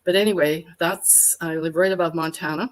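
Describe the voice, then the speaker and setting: A woman's voice: fairly low pitch, fairly even intonation, normal speed, poor audio. An older woman from Alberta, telling her story at length as a guest on a live video chat. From Alberta, Canada. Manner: chatty storyteller, long detailed answers. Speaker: guest, workshop facilitator. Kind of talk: casual conversation on a live stream.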